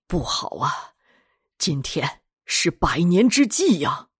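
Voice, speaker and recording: A woman voicing an anxious old wealthy father who speaks slowly and gravely. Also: fairly low pitch, very animated, no echo, clean studio sound, heavily acted. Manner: slow and grave.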